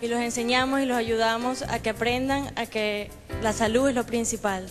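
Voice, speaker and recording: A woman's voice: a little high, steady tone, brisk, soft background music. A twenty-three-year-old woman with a Venezuelan accent, giving a poised pageant answer as a contestant.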